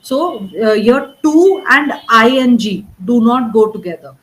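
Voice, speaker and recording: Woman, English tutor, one-on-one coaching, patient, slightly high voice, checks understanding often. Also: lively intonation, slow, darkish tone, rough recording. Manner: corrects grammar and pronunciation step by step.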